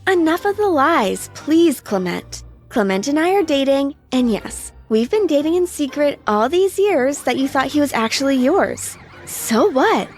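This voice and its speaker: A scheming teenage girl, voiced by a woman, snaps and mocks in a high voice that leaps around. Soft music plays under her lines in an animated story. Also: unhurried. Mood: cold taunting. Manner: sharp, mocking. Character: scheming teen girl, sharp and spiteful.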